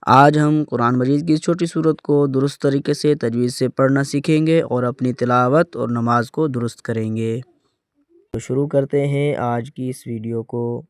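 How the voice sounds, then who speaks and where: A man's voice: mid-range voice, fairly even intonation, clear, resonant tone, dry recording, clean studio sound. A man teaching Quran recitation in an explanatory lesson, patiently repeating words and demonstrating correct pronunciation.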